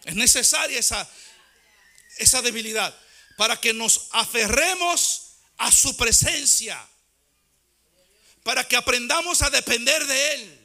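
A man delivers a passionate sermon, his voice pitched high and strikingly bright. He shifts between plain exhortation and a chanting, sung rhythm as he preaches. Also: measured pace, pauses often. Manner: fervent preaching, chanting in a sung cadence at times. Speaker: pastor.

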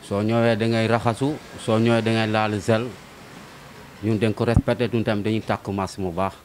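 A man's voice: fairly low pitch, flat delivery, normal speed, a little mellow, a little hiss or hum. A young man from Senegal, a barber interviewed in his shop, talking earnestly and repeating his points. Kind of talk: street interview. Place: barbershop, indoors. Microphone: handheld reporter's mic.

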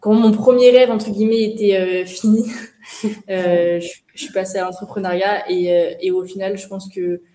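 A woman in her twenties from France, a guest entrepreneur answering interview questions over a video call in a hesitant way, with many pauses. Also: medium pitch, steady tone, dark tone, reverberant. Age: 20s. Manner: hesitant, many fillers and restarts. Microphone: shared webcam on video call.

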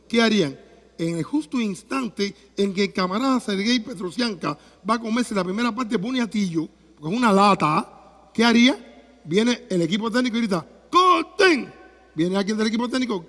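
Cuban comedian with a very high voice. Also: male voice, in a large hall. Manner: animated storytelling with shouted sound effects and mock cries. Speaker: stand-up comedian. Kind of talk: stand-up comedy monologue.

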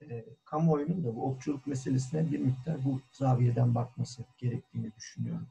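A man who is a cultural historian giving a formal online talk, deliberate and full of hesitant fillers, heard over call audio. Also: mid-range voice, fairly even intonation, vocal fry, mellow, low-quality recording. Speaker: guest lecturer, cultural historian. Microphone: video call.

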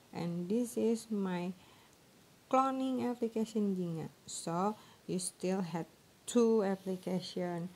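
Female tutorial presenter, broken English with halting phrasing, creaky and soft-toned, informal. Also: mid-range voice. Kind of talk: informal screen-recorded phone tutorial. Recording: noisy amateur phone screen recording.

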